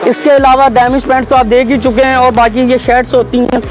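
A man, a shopkeeper eagerly pitching his goods in a busy market shop. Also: little pitch movement, over music, low-quality recording. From Pakistan. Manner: eager, rapid salesman patter. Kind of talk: sales pitch to camera. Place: crowded clothing market shop, indoors.

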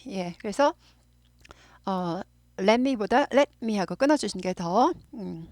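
A middle-aged woman who teaches English, explaining phrases in Korean and repeating them slowly for practice. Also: mid-range voice, no room sound, clean studio sound.

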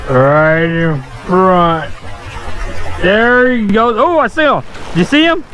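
A man, chatting excitedly in a casual fishing vlog, talking to camera in his truck and out on jetty rocks. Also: high voice, slow. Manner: excitable, chatty, lots of fillers. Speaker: fishing vlogger. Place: pickup truck cab, then outdoors on jetty rocks. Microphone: camera mic, no lapel. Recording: loud wind and water noise.

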